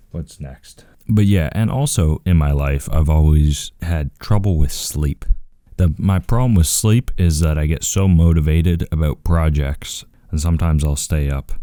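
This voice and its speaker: A man talking casually and quietly into a close microphone for his vlog, in a laid-back, rambling way. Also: very deep voice, no echo. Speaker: video creator.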